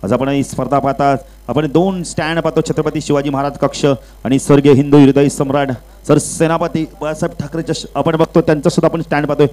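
Speaking quickly with few pauses, this man gives play-by-play over the loudspeaker at an outdoor community cricket match. Runs and wickets push his voice louder and higher, while the gaps between balls bring calm, and he slips English cricket terms into his talk. It's a rough recording.

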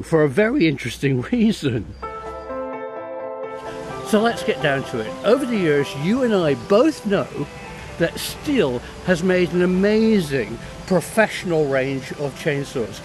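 A man's voice: fairly high pitch, big pitch swings, takes it slowly. An older man with a slightly raised voice explains a chainsaw to a camera held close to his face, out in a leafy garden. He talks with eager enthusiasm and breaks into short chuckles mid-sentence, while faint music plays behind him. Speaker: science filmmaker and farmer reviewing a chainsaw. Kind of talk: casual explanatory video review. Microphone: handheld camera held close, wide-angle selfie framing.

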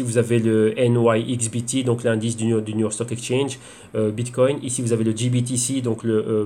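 A man's voice: medium pitch, mellow. A man walking viewers through trading charts, explaining levels and patterns and asking himself rhetorical questions. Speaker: crypto trading analyst. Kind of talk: screen-share chart analysis.

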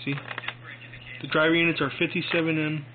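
A young man giving a casual, rambling product review in a phone video, halting and informal, recorded on a handheld phone in a room at home. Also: on the high side, little pitch movement. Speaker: amateur headphone reviewer. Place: small domestic room, indoors. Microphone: handheld phone mic. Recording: tinny phone recording with clear noise.

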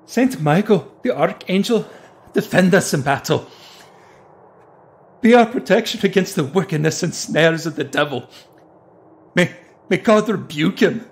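A woman's voice: lowish voice, expressive, unhurried, pauses often, a little mellow. A woman playing a fervent old priest. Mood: fervent prayer. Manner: fervent, declamatory prayer and rebuke. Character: brave, trembling older male priest.

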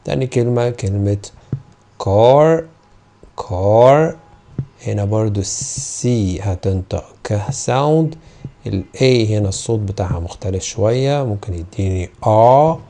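In an online video lesson, a man with an Egyptian Arabic accent teaches English phonetics, pronouncing model words slowly, stretching them out and repeating each several times. His voice is fairly low and dark.

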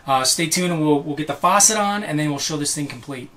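Standing in a motorhome kitchen, an RV renovation vlogger in his forties walks the camera through a sink swap in casual DIY fashion. His voice is on the high side and his pace quick, and he keeps things chatty and self-deprecating, with lots of fillers and restarts.

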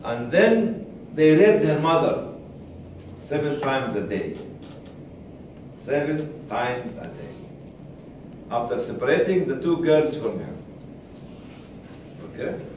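Recorded distantly in a very echoey seminar room with faint noise, this sixties-aged man narrates a story to a group. He is deliberate, repeating phrases and pausing for emphasis, his fairly high voice darkish in tone and swinging widely in pitch.

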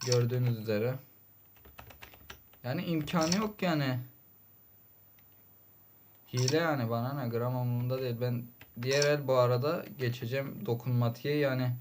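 A man's voice: medium pitch, a little hiss or hum. A man giving casual gameplay commentary, grumbling and exasperated, with sudden frustrated outbursts. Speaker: gaming channel host.

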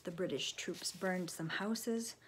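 Lady reading a kids book out loud, expressive, goes whispery a lot. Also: on the low side, takes it slowly, slight background noise. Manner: expressive, dipping into hushed whispers. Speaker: storybook reader. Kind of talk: reading a children's book aloud.

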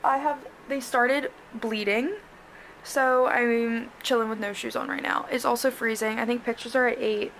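Bubbly college-age female vlogger, sorority-girl chattiness, higher-pitched voice, roomy sound. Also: steady tone, normal speed, a bit bright, far from the mic. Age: early 20s. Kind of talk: casual get-ready-with-me vlog chat. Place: small echoey rooms in an apartment and house. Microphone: handheld or propped vlog camera. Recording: roomy echo, faint background noise.

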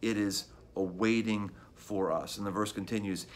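Conversational middle-aged pastor, emphatic. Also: male voice, fairly low pitch, steady tone, moderate pace. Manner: conversational, emphatic repetition of phrases. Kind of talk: evening devotional talk. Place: his office.

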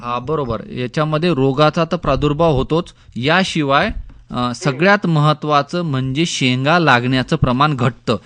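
A man's voice: a little high, normal speed, a bit bright. A man giving instructive advice on a radio phone-in, repeating key points. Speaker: agricultural expert guest on a radio phone-in. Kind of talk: spoken explanatory advice on radio.

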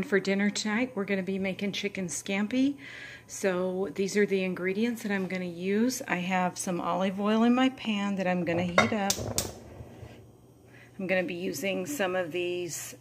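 A woman's voice: mid-range voice, slight background noise, low-quality recording. A woman narrating a home cooking vlog in a friendly, explanatory way, recorded in her kitchen with a handheld camera. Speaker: cooking vlogger.

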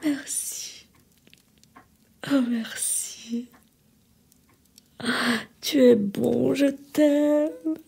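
A woman's voice: high-pitched, drawn-out words, creaky, pauses often, dark tone, heavily acted. An actress reading a theatre monologue as a desperate woman pleading on the phone with her departing lover, often sinking to a trembling whisper. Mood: tender, heartbroken.

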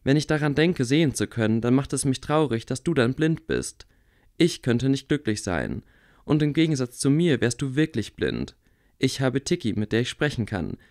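A man reading aloud, voicing a calm, wry blind boy wizard who speaks quietly. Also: medium pitch, normal speed. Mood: earnest. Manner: quiet, level.

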